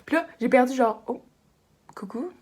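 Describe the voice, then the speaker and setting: A woman's voice: high voice, moderate pace, darkish tone, slightly rough. A young woman from Quebec with a Québécois French accent, telling a story in a casual vlog, chatty and rambling with lots of filler words. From Quebec, Canada. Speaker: vlogger. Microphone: phone camera.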